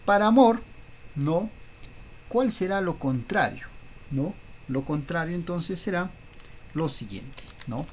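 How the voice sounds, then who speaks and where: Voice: medium pitch, expressive, slow, pauses often, a little mellow, slight background noise. A teacher giving a recorded school lesson, explaining step by step and checking in with rhetorical tag questions.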